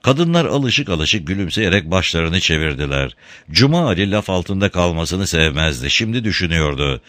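A man narrating a story aloud in an expressive storytelling manner. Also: low-pitched, moderate pace, dry recording. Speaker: reader.

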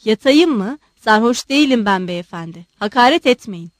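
A woman voicing a proud, blustering old male general who shouts in wounded indignation. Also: on the high side, animated, moderate pace, no echo, clean studio sound, lightly acted. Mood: indignant shouting.

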